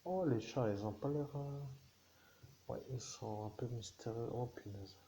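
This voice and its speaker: A man's voice: mid-range voice, slow pace, mellow. A man reading out tabloid crime stories and commenting in a rambling, hesitant way, with half-muttered asides.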